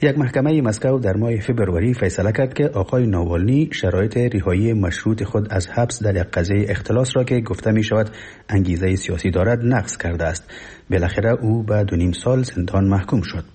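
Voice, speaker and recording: A man's voice: on the low side, mellow, husky. A man with an Afghan Dari accent reading a scripted radio news report in a solemn, formal manner. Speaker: newsreader.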